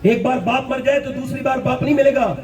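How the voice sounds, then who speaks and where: A man's voice: very high voice, steady tone, a little mellow. A man preaching a sermon to a crowd in a mosque, telling stories with acted dialogue and calling for responses. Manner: storytelling, acts out dialogue, asks the crowd to respond. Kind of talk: religious sermon. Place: mosque gathering. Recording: echoey mosque, distant mic, crowd.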